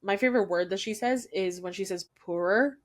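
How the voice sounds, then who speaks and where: A woman's voice: medium pitch, a little fast. A woman co-hosting a podcast, chatting casually and enthusiastically about a movie she loves. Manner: enthusiastic, laughing agreement. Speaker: podcast co-host. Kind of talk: casual chat.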